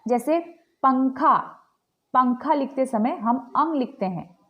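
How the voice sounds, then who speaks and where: A woman teaching grammar in a home-recorded lesson, spelling words out letter by letter in a slow, deliberate way with filled pauses. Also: high voice, dull audio. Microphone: home video recording.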